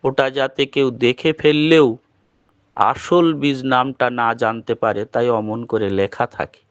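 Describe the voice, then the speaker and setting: A man with a Bengali accent giving a devotional talk, explaining slowly and patiently. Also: mid-range voice, fairly even intonation, smooth, dry recording. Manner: slow, measured, explaining patiently. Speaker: preacher. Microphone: online meeting audio. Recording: dull lo-fi call audio.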